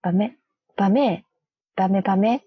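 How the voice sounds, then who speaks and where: A woman's voice: mid-range voice, moderate pace, husky, no echo. A woman chatting casually with a friend, playfully sounding out made-up syllables and giggling often. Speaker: co-host. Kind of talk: casual chat. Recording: dull lo-fi dry recording.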